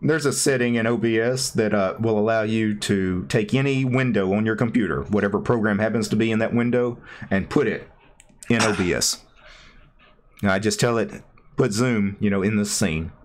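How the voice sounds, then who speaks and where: A man hosting a casual video-call chat, talking in a relaxed, rambling way with plenty of fillers. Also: on the low side, normal speed. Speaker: host.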